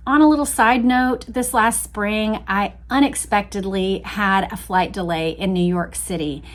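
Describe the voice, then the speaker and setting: Reading history aloud for a book readalong she hosts, an American woman adds relaxed, conversational remarks and chatty asides. She speaks at medium pitch with fairly even intonation, in an unhurried way.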